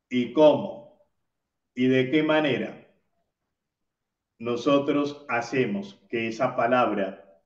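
A man, a priest, reading the day's gospel and preaching a homily in a slow, measured way. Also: mid-range voice. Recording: roomy, distant, dull lo-fi sound.

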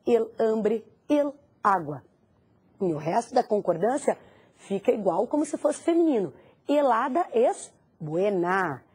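A woman's voice: on the high side, a little mellow, husky. A woman teacher giving a recorded language lesson, putting questions to the student and answering them herself. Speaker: Spanish teacher.

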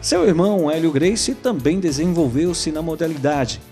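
Brief: male narrator from Brazil, fairly high voice, measured formal read, faint music underneath. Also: mellow. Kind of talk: scripted narration.

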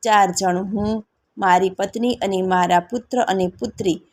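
A woman's voice: medium pitch, fairly even intonation, a little slow, a little mellow. A woman voicing a loyal young male servant in a storybook reading, answering steadily and respectfully.

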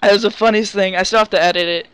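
A man's voice: sits high, steady tone, very fast, fairly bright tone, smooth, no room sound. A man casually telling a rambling story, full of fillers and restarts, hosting his own video. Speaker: video host recounting a prank.

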